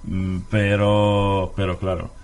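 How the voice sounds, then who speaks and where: A man in his thirties from Italy, speaking with an Italian accent as a guest in a casual chat, talking in a hesitant, halting way. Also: low-pitched, little pitch movement, a little mellow.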